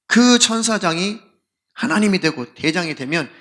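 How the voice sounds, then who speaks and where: A man's voice: high-pitched, expressive, moderate pace, bright, forceful tone. A male pastor preaching a sermon in an emphatic way, acting out exchanges as he goes. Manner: emphatic, acts out dialogue.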